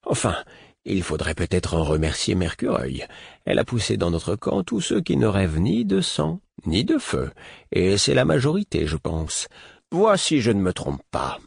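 A man voicing a calm, scheming man who speaks in a hushed, confiding way. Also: deep voice, moderate pace, vocal fry, slightly rough, dry recording, clean studio sound, voice pushed down, full character voice.

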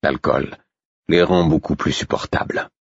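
A man voicing a steady, gruff old male stablemaster who talks in a calm, philosophical way, in an audiobook reading. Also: rumbling low, measured pace, no echo, dull audio, full character voice.

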